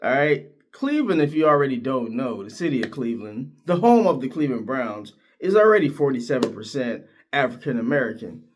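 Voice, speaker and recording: A man's voice: a little fast, hardly any pauses. A middle-aged man from Northeast Ohio giving casual, opinionated sports commentary, his voice leaping up when he gets worked up. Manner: animated, opinionated, pitch jumps high when worked up.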